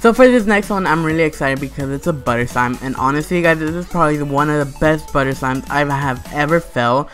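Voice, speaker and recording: A man's voice: fairly high pitch, fairly even intonation, brisk, few pauses, fairly bright tone, faint music behind. A man giving a casual, gushing voice-over product review, peppering it with "like", "super" and "you guys". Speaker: slime shop reviewer, video host.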